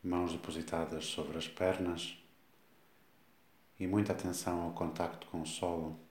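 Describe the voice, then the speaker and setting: A man with a European Portuguese accent leads a body scan meditation, giving slow, calm instructions separated by long pauses. His voice sits low, and the recording has an echoey, reverberant room sound.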